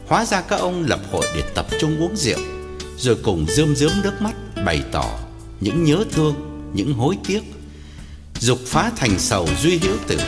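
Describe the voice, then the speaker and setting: A man narrating a story as an audiobook reader, expressive and swinging his pitch. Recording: long hall reverb, guitar music behind.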